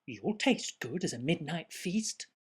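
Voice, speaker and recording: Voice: mid-range voice, big pitch swings, a little slow, husky, pitched above the performer's own voice, exaggerated voice. A storyteller voicing a brave, curious young girl monster in a children's storybook. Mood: doubtful, then greedy.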